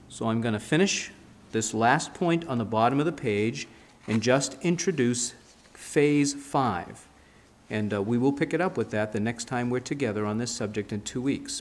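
A man in his fifties, a pastor preaching a sermon at a church pulpit with emphatic, gesturing delivery. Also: mid-range voice. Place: church sanctuary, standing at a pulpit. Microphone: pulpit mic, filmed by a fixed camera.

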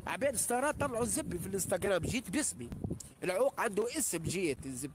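Fast, high-voiced Tunisian man ranting. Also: sing-song, noisy background. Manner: insulting, boastful and repetitive, with heavy swearing. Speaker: live streamer. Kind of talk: angry live-stream rant.

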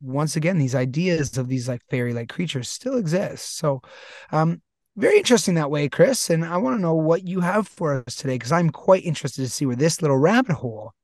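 A man's voice: a little high, animated, a little fast, darkish tone, no echo, studio quality. A man co-hosting a podcast in casual chat, playful and jokey, from North America. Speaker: podcast co-host.

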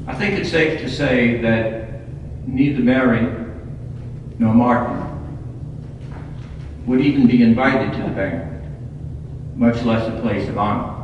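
A priest, a man, reading scripture and preaching at Mass in a solemn, deliberate way, in short phrases. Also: mid-range voice. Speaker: priest, homilist. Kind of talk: Gospel reading and homily at Mass. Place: large reverberant church. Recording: echoey cathedral-like hall, distant, dull, faint noise.

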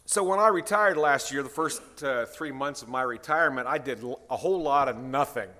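A man's voice: mid-range voice, a little fast, sharp tone. A retired pastor in his sixties, preaching a guest sermon in a conversational way and calling out to the congregation. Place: church sanctuary. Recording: reverberant church hall.

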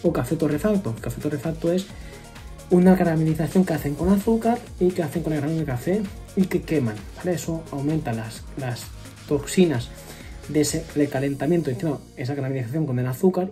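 A man in his thirties explains food choices on his home webcam, warm and mellow in tone. He pauses on fillers and restarts words mid-thought. Faint music plays softly behind him. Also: fairly high pitch. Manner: explains step by step, frequent fillers and self-corrections. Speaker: nutrition vlogger. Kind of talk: casual explanatory vlog. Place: home room with wooden ceiling, indoors.

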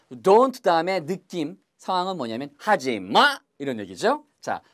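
A man teaching English in a lively video lesson, drawing out English phrases slowly between quick asides. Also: sits high. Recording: faint music underneath.

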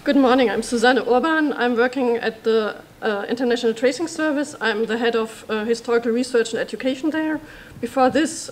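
A woman head of historical research introducing herself in a composed, reflective way in a seminar room. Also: a little high. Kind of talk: self-introduction at an academic workshop. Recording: faint room noise.

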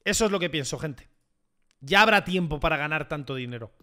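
A man giving excitable gameplay commentary, repeating phrases and bursting into shouts. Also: on the high side, fairly quick. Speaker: gaming YouTuber.

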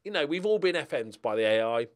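Quick and sing-song in a mid-range voice, a middle-aged streamer delivers loose, foul-mouthed commentary on his football manager game. He speaks to both his players and his audience, close to a desk microphone.

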